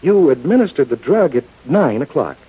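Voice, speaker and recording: Smooth menacing doctor, husky and high-pitched. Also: male voice, big pitch swings, moderate pace, exaggerated voice. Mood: insinuating, probing. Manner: coolly polite, insinuating, hesitant probing. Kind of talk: old-time radio crime drama acting. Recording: dull, lo-fi old radio recording.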